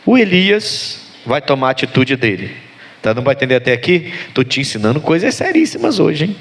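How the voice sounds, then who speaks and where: A man preaching a sermon as pastor, swinging between loud emphatic lines and low calls to the congregation, and asking them for responses. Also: sing-song, fast, a little hiss or hum.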